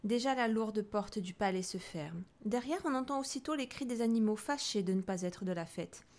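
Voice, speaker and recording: Lively woman reading a children's story. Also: medium pitch, normal speed. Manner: lively, shifting to soft whispered asides. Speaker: storybook reader. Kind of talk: children's story read aloud.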